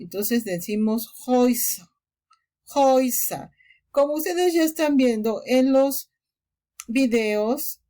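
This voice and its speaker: A woman's voice: mid-range voice, a little mellow. A woman language teacher giving a recorded lesson, explaining step by step and repeating each example word. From Mexico.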